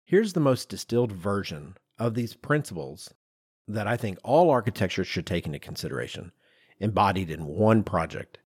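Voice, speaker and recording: Hosting a podcast on design history, this man has a lowish, breathy-edged voice and an informal, animated storytelling style, performing little asides as his pitch rises and falls a lot. The audio is close and dry, without any room sound.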